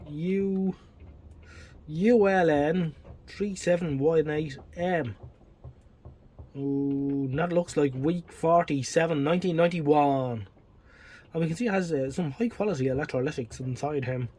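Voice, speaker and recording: Speaking a little high and mellow at a measured pace, a man from Ireland presents his electronics repair hobby. His commentary is casual and hands-on, wry and self-deprecating, with muttering to himself as he works, and the home video recording is clearly noisy.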